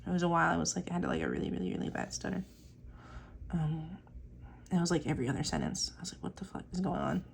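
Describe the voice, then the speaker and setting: Quick and sing-song, her voice sits low and carries vocal fry, over slight background noise. A young artist vlogger inks a drawing while chatting casually, drifting onto tangents, swearing here and there, and using many fillers like "like" and "um."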